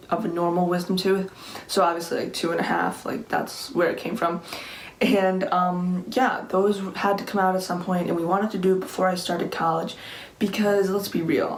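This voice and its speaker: A young woman in her late teens telling a casual personal story in a rambling, conversational way, peppered with filler "like". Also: on the low side. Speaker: vlogger. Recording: echoey room with faint background noise.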